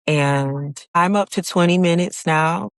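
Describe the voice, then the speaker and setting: Female solo podcast host, low voice, unhurried, calm and encouraging, dry close sound. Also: no room sound. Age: adult with children. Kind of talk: solo motivational podcast talk.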